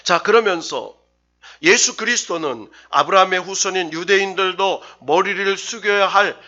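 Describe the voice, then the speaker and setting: Bright-voiced male pastor preaching. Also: high-pitched, normal speed, lo-fi sound. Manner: preaching with rising emphasis, leading the congregation in reading. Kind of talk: sermon. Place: church sanctuary.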